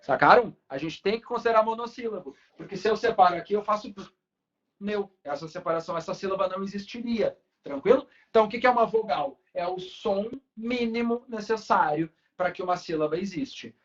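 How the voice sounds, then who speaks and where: A man's voice: sits high, brisk, hardly any pauses. A man, teaching a Portuguese class in a casual way and checking in with students often. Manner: casual, talks to students with frequent tag questions. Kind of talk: online class lecture. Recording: dull lo-fi recording.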